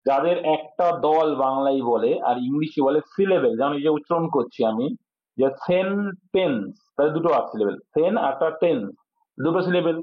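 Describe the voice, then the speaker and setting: A man's voice: a little high, fast. A man teaching an exam-prep English grammar lesson. He explains step by step and asks his students questions, then answers them himself. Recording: tinny phone-like audio.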